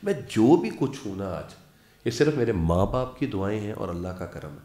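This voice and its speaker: A man in his fifties, an actor and lecturer, telling stories as an interview guest and acting out quoted dialogue. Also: fairly low pitch. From Pakistan. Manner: animated storyteller who acts out quoted dialogue. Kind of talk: casual interview storytelling. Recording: roomy studio echo.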